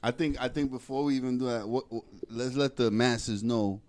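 A man's voice: mid-range voice, fairly even intonation, normal speed, darkish tone. A man with a Queens, New York accent co-hosting a casual podcast chat in slangy, profane talk. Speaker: podcast co-host.

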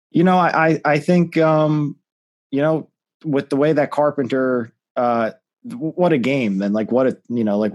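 A man co-hosting a sports podcast, talking in an animated, exasperated way as his voice jumps up when he gets worked up. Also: medium pitch. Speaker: podcast co-host. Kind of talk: casual sports podcast chat.

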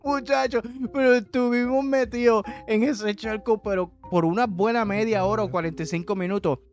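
A man with a Puerto Rican accent, co-hosting a podcast and telling a casual anecdote in a lively, laughing way. He uses a lot of slang and drops English words into his Spanish. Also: sits high, moderate pace, faint music behind. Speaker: podcast co-host.

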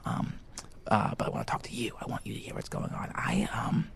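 A man's voice: brisk, a bit bright, lightly acted. A man playing an awkward, eager teenage boy hosting a school podcast, whispering into a handheld mic in a library and rambling with lots of fillers. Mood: hushed excited. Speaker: podcast host. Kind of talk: scripted comedy podcast. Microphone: handheld microphone.

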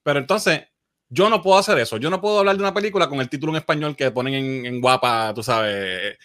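A man's voice: mid-range voice, a bit bright. A man from Puerto Rico with a Puerto Rican accent, a content creator speaking as a podcast guest in a modest, reflective way. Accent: Puerto Rican Spanish. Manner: reflective, modest, halting with restarts. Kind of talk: casual podcast conversation.

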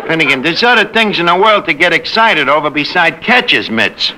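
An actor playing a scheming, sardonic New York tavern manager in an old-time radio comedy, a smooth-talking man full of big talk. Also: a little high, big pitch swings, fairly quick, sharp tone, full character voice. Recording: noisy vintage radio recording.

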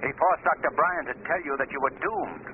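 An actor playing a commanding, mocking crime avenger, with theatrical, formal delivery in old-time radio style. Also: male voice, a little high, natural voice. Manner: theatrical, deliberate, ominous formal diction. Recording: tinny old radio broadcast, faint noise.

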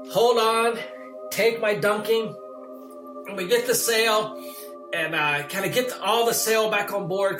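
Animated high-voiced man, echoey room. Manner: animated, lots of fillers like "like". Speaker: interviewee recounting a sailing ordeal. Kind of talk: casual storytelling interview. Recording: roomy sound with music underneath.

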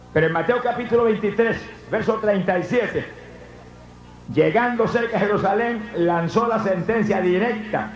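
Revival preacher, male, high-pitched, fervent, praise outbursts; dull lo-fi church recording. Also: echoey room. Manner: fervent, bursts of loud praise exclamations. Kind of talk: revival sermon. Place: church hall.

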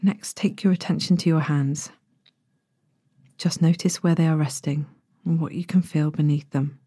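Woman, sleep story narrator, very dark mellow tone, breathy and soft, gentle guided meditation delivery, close dry sound. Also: deep voice, steady tone, no room sound. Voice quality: soft, breathy, slips toward whisper. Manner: gentle, soothing, unhurried instructions.

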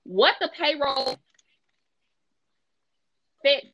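A woman's voice: high voice, lively intonation, pushed and bright. A woman accountant explaining taxes step by step over a remote call, her audio breaking up and dropping out. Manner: step-by-step explainer, slow and deliberate. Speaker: accountant guest. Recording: dull, dry remote call line.

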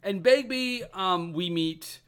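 A man's voice: sits high, slow pace, fairly bright tone, smooth. A man co-hosting a casual film podcast, joking and chuckling as he talks. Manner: jokey, chuckles through talk, profane. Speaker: podcast co-host.

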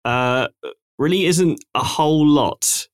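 A man's voice: a little high, slow pace, no room sound, studio quality. A young man hosting a casual podcast chat, laid-back and hesitant with many ums. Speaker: podcast host.

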